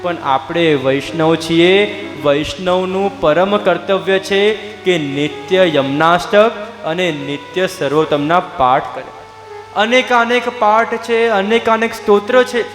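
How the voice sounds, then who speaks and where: High-voiced man preaching in an echoey hall. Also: fairly bright tone. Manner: storytelling, rhetorical, addresses the audience directly. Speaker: devotional preacher. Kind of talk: Gujarati devotional katha sermon. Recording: echoey hall with long reverb, faint music.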